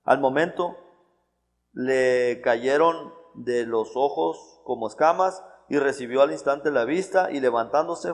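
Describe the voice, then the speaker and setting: A man preaching a sermon in a church hall, in a conversational style full of restarts and repeated words. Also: mid-range voice.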